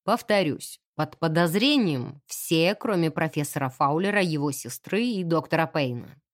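A woman voicing a calm, courteous male police inspector who speaks quietly and in measured tones, in an audiobook. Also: sits low, no echo, clean studio sound, pitched below the performer's own voice. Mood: calm polite.

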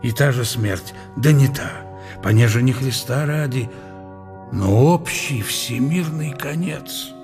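An actor voices an ailing old scholar musing with bitterness and pride about his homeland in a radio play monologue, with music in the background. His husky, medium-pitched voice is slightly mellow and lightly acted. The mood is solemn, the delivery deliberate, weighty, and philosophical.

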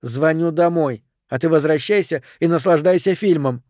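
A man's voice: on the high side, moderate pace, dark tone, no room sound, clean studio sound, close to an everyday voice. A man voicing a fed-up young woman who answers with biting sarcasm. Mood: curt.

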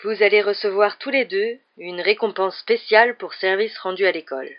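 A wise old wizard headmaster, calm and kind, taking his time over each phrase, as an audiobook reader puts him on. The sound is dull and lo-fi, like an older audiobook recording. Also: mid-range voice, moderate pace, pitched above the performer's own voice, natural voice. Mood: kindly.

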